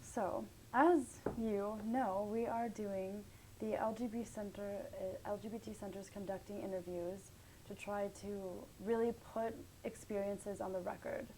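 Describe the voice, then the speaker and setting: A young woman with a mellow voice conducts an oral history interview, asking questions tentatively with many fillers. Her intonation is fairly even and her pace measured. The rough recording has a faint low rumble underneath.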